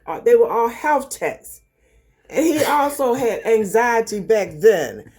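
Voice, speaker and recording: A woman's voice: fairly high pitch, sing-song, slow, darkish tone. An older woman with a Baltimore accent, telling family stories in a folksy, rambling, casual way. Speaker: mother sharing memories. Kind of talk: casual chat, storytelling.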